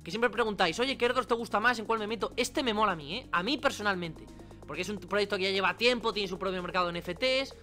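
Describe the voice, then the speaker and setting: Chatty bright-voiced man explaining. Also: high voice, quick pace, faint music behind. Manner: chatty, informal, many asides and tag questions. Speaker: crypto channel host. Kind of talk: screen-recorded tutorial.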